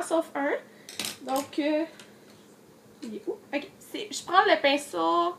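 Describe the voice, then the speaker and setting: Speaking straight to her viewers, a young woman with a Quebec French accent talks her way through a makeup tutorial despite a cold, chatty and full of fillers as a beauty vlogger. Her voice is high-pitched, and the recording has a little hiss or hum.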